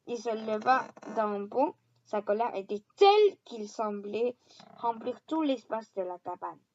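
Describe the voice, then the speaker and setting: A woman reading a novel aloud, with loud, emphatic shifts for the characters. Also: fairly high pitch, lively intonation, a little slow, lo-fi sound, a little hiss or hum. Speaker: reader.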